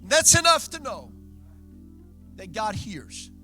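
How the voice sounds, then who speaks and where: A man's voice: high voice, big pitch swings, slow, faint music behind. Belgian-accented man preaching a sermon. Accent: Belgian Dutch. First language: Dutch. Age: 30s. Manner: earnest preaching, warm asides to the congregation. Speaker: guest pastor. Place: church sanctuary.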